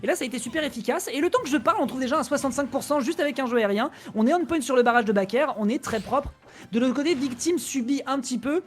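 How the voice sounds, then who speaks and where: Fast-talking esports caster. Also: sits high. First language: Italian. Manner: rapid, analytical, quick self-corrections. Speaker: co-commentator. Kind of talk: esports play-by-play commentary.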